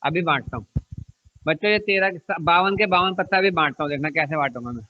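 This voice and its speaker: A man with a slightly high voice talks fast over dull-sounding audio while teaching children a math lesson in classroom style. He asks questions and answers them himself, jokes now and then and repeats key numbers.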